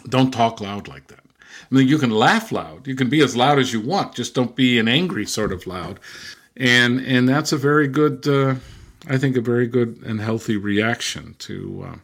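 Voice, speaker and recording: A man's voice: mid-range voice, normal speed, creaky. Older man telling anecdotes in interview. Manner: anecdotal, reflective, drifts into a loud lecturing voice. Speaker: guest, professor and former missionary. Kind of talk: conversational interview storytelling.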